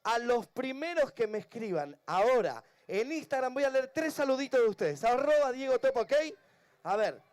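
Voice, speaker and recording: Very high-voiced Argentine male entertainer. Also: big pitch swings, normal speed, darkish tone. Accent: Argentine Spanish. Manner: playful, chatty, coaxing the crowd. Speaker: children's entertainer and singer. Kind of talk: live stage banter with a crowd. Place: outdoor public event.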